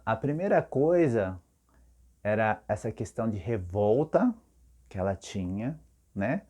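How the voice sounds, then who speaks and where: A man's voice: on the low side, darkish tone. A man, a therapist, talking casually to camera and telling a client's story, acting out her words.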